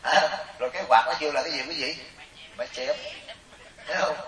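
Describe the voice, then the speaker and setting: A middle-aged man delivers a humorous Buddhist sermon, chatting and telling stories while often asking his listeners questions. His voice is on the high side, fairly bright, and a little fast, captured by a distant mic in a roomy space.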